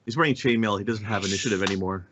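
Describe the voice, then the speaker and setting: A man's voice: lowish voice, racing, a bit bright, slight background noise. A man playing a tabletop game, joking and teasing the others. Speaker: player.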